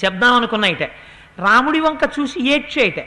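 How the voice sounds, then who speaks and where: A man delivering a devotional epic discourse, who chants scripture verses slowly and then retells the story expressively. His voice is very high and notably bright and sharp. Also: expressive. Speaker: religious storyteller.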